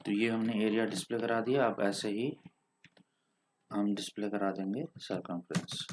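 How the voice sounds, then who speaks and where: An Indian man with a slightly low voice leads a screen-recorded coding tutorial. He explains each step patiently, dropping English technical terms into his talk. Keyboard typing sounds in the background. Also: steady tone, moderate pace, slight background noise. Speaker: programming teacher.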